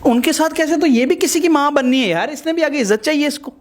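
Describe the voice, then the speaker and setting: Male host, higher than usual voice, emphatic and lecturing, refereeing a couple's fight. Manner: emphatic, lecturing, addresses viewers. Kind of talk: mediating a marital dispute on camera.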